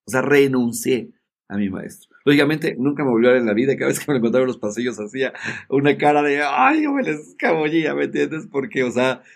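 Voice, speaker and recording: A man, a guest in a conversation, telling a personal story in an emphatic, animated way and often checking in with his listener. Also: medium pitch, fast, creaky.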